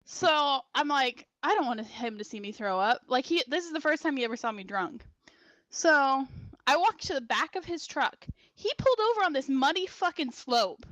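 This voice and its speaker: A young woman in her twenties with a high voice tells a drunken story as a podcast guest. She talks casually and with energy, swearing freely and acting out other people's lines. The sound is close and dry. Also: normal speed, no room sound. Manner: animated, swearing, laughing as she acts out quotes.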